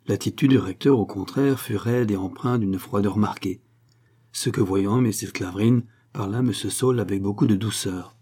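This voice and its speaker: A man reading a classic novel aloud as an audiobook narrator, in a measured way. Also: fairly low pitch, dark tone, husky. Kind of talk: scripted narration.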